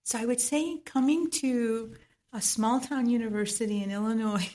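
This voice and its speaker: A woman's voice: a little high, normal speed, warm tone. A woman from Trinidad with a Trinidadian accent, speaking as a guest on a podcast, reflective and often laughing. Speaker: guest, medical esthetician. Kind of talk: podcast interview.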